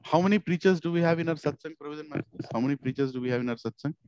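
A man's voice: fairly high pitch, rapid-fire, no room sound. South Indian man preaching, slightly dull dry audio. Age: middle-aged. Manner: animated, repetitive, posing rhetorical questions. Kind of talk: informal satsang sermon. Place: small indoor office. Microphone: headset.

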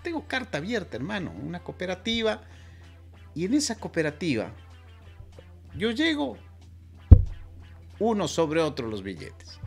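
A man's voice: high voice, wildly swooping pitch, moderate pace, gravelly, pauses often, slightly rough, soft background music, voice pushed up, heavily acted. An Ecuadorian man quoting a friendly, persuasive male taxi driver in a coaxing, reassuring way.

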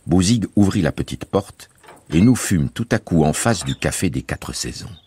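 A man reading a novel aloud as a radio serial, in measured, expressive storytelling. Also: sits low, breathy edge. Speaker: reader.

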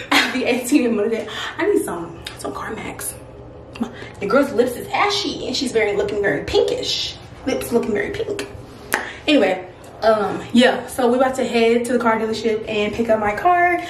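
A twenty-year-old woman with a fairly high-pitched voice and lively intonation vlogs excitedly at a normal speed, bubbly and chatty, swearing freely. She holds her phone camera at arm's length, first in a small bathroom at home and then outdoors beside a car, with a noisy background.

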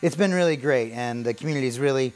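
A man's voice: mid-range voice, quick pace, a little mellow. A man in his thirties, a barbershop owner, talking earnestly and gratefully in a casual interview while he cuts hair, with lots of fillers. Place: barbershop basement.

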